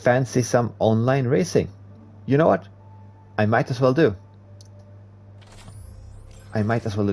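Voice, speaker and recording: His mid-range voice is creaky, darkish and slightly rough. This native Swedish speaker from Sweden talks in English to viewers as he races on a live stream, chatty and self-mocking, reading the chat aloud.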